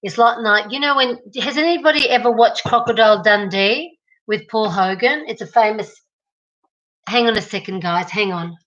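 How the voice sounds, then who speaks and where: A woman's voice: medium pitch, moderate pace, fairly bright tone, lo-fi sound. A middle-aged Australian woman chatting casually with viewers on a live stream, greeting them by name.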